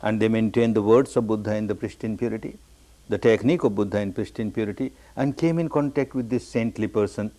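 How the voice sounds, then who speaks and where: A man from Burma giving a meditation discourse, telling his own story with repeated, emphatic phrases that jump up high on the key words. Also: a little fast, dark tone. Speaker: meditation teacher.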